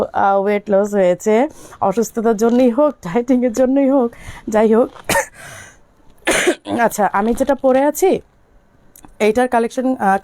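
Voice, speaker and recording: Slightly hoarse woman selling on a live stream. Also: a little high, mellow, no room sound. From Bangladesh. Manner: chatty, answers viewers' comments, mixes in English words; speaks slowly to spare her voice. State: slightly hoarse from illness, coughing. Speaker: online shop owner selling on a live stream. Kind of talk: live-stream sales talk.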